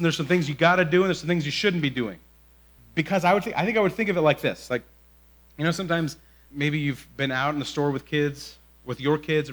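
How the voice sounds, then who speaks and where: A man preaching a relaxed, chatty sermon, his voice sitting a little high for a man. He keeps checking in with his listeners, speeds through his asides, then slows right down to stress a point. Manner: conversational preaching, often adding "right?"; shifts between quick asides and slow, drawn-out emphasis. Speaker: pastor.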